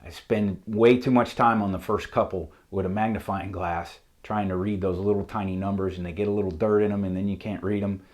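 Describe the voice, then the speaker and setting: A man's voice: on the low side, fairly even intonation, fairly quick, hardly any pauses, darkish tone. A man with a Southern accent, a mechanic walking through a technical how-to at a whiteboard in a methodical, plain-spoken way. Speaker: auto mechanic instructor. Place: shop with a whiteboard.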